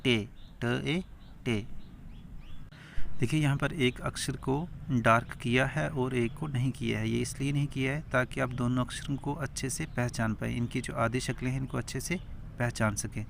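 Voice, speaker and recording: A man's voice: medium pitch, steady tone, normal speed, gravelly, fairly bright tone, slight background noise. A man teaching Urdu script who sounds out each letter and syllable one at a time, then asks and answers his own questions. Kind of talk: slow spelling-out lesson.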